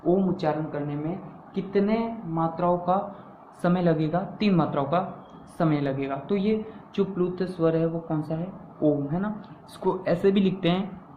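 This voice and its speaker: Male teacher, slow and deliberate, answers his own questions, repeats key terms; roomy echo, phone-thin sound. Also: high voice, a little hiss or hum. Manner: asks the class questions and answers them himself. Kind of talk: classroom-style grammar lesson. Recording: echoey room over a tinny phone-like line.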